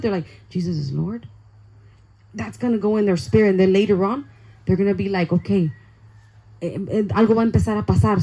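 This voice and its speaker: Excitable husky-voiced young woman preacher. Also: on the high side, rough recording. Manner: excitable, chatty storytelling full of "like". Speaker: youth pastor. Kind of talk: testimony sermon to youth.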